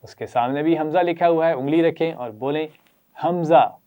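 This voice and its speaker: A man with a Pakistani Urdu accent leads a children's Quran reading lesson. He keeps up steady praise and has the class repeat letters after him. His voice is dark and mellow. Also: a little high, clean tone. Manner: encouraging, praises often and leads repetition.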